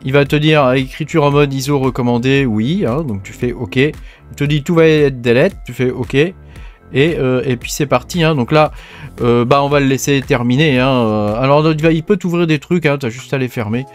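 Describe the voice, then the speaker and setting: A man from France talks through a screen-recorded tech tutorial in a relaxed, chatty way. His pitch sits in the middle, and he peppers his speech with fillers and "hein". Faint music plays underneath. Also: moderate pace.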